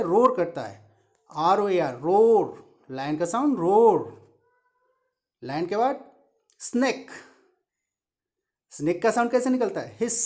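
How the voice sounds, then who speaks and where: A woman teaching young children animal sounds, spelling each word letter by letter and imitating the calls. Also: medium pitch.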